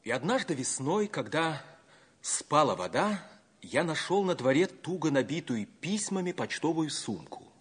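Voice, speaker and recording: A man's voice: a little high, a little slow, husky, heavily acted. An actor playing an earnest, romantic young man in a theatrical old radio drama style. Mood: solemn, dreamy. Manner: theatrical, declamatory, expressive. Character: Sanya, earnest, romantic young man telling his life story.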